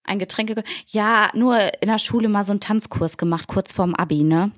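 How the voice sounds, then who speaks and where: A woman co-hosting a podcast in casual chat, talkative and quick to laugh, calling in from a holiday trip. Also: medium pitch, no echo, clean studio sound. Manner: chatty, laughs often. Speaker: podcast co-host. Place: on holiday away from the studio.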